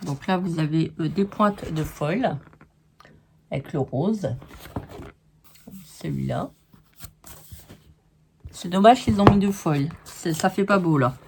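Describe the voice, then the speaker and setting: A woman's voice: fairly low pitch, slow, pauses often, a little mellow, a little hiss or hum. A woman casually showing scrapbooking papers to viewers, chatting and giving frank opinions on each sheet. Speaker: scrapbooking vlogger. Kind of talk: casual show-and-tell of paper pads.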